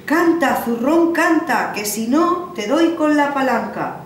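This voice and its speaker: A woman voicing a crafty old man with a sack who coaxes and then barks loud commands, in a roomy recording taken from a distance. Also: mid-range voice, expressive, a little slow, natural voice. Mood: barking. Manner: coaxing, then barking commands.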